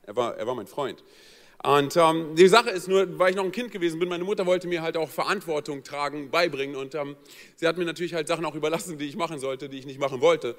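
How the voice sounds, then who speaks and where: This pastor's voice sits on the high side and he talks fast, recounting a comic personal anecdote in a sermon. He acts out each person's voice with a lively, joking manner, while the church hall adds a long reverb.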